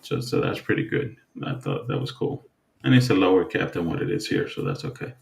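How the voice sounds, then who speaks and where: A man from the Dominican Republic co-hosting a podcast, talking in a relaxed, halting way with many fillers and restarts. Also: low-pitched, creaky. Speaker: podcast co-host. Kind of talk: casual chat.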